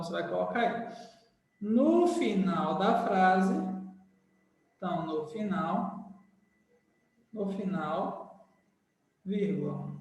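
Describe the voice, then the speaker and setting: Guy teaching grammar real slow, keeps asking "tá?", heard from far away in a big echoey room. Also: high-pitched. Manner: repeats key phrases, checks in with "tá?". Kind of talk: classroom grammar lesson. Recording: echoey hall, voice far from the mic.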